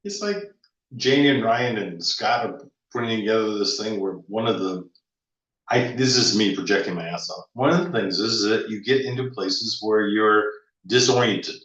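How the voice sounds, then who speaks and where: A man's voice: lowish voice, normal speed, fairly bright tone. A man in casual conversation, musing with a wry, teasing manner and many restarts. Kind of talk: casual reflective chat. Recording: roomy, slightly dull audio.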